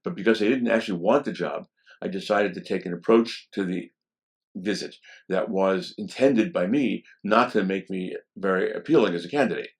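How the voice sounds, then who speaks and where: A man in his seventies speaks in a deep, low voice. He is a law professor looking back on his early years. He tells his stories in a relaxed, anecdotal way and often pauses on "um". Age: 70s. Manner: relaxed and anecdotal, with frequent "um" fillers. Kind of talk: reminiscing interview storytelling.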